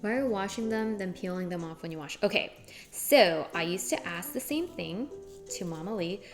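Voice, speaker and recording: A woman's voice: on the low side, expressive, normal speed. A woman chatting playfully to her viewers while she cooks in a kitchen. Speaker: cooking streamer. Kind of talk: casual cooking chat. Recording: music playing behind.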